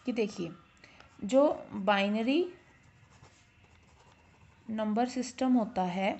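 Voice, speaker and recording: A woman teacher explaining a school lesson in Hindi, reading English lines slowly and asking and answering her own questions. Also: mid-range voice, a little mellow. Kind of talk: classroom lesson. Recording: dull lo-fi recording.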